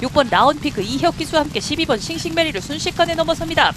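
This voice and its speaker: High, rapid female race caller. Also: expressive, over music. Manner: rapid play-by-play calling of numbers and names. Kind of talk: horse race commentary.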